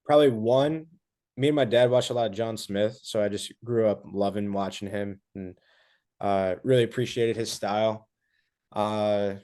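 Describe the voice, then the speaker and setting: A young man with a fairly low voice answers questions on a casual podcast. He talks in a relaxed way, keeps his answers short and fills gaps with little pauses and "uh"s. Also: clean tone. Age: young adult. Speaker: guest wrestler.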